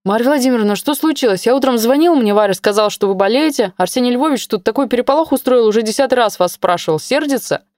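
A woman's voice: on the high side, expressive, darkish tone, no room sound, studio quality, pitched above the performer's own voice, close to an everyday voice. Woman doing a chatty young office clerk. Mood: chatty, worried. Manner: quick gossipy chatter.

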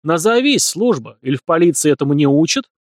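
A man's voice: on the high side, very animated, fast, dry recording, clean studio sound, voice pushed up. A man voicing an arrogant young male nobleman who talks in scornful, snapping retorts.

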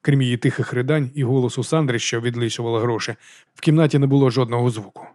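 A man reading a novel aloud as an audiobook narrator, in brisk, even storytelling. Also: mid-range voice, dry recording, clean studio sound.

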